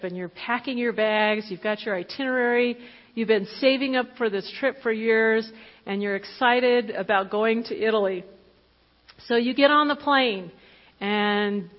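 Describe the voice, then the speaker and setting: A woman of fifty giving a candid, conversational sermon about her own life, with fillers and quick self-corrections. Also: a little high. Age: 50s. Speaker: preacher. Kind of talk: personal testimony sermon. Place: church hall. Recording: dull lo-fi recording with long hall reverb.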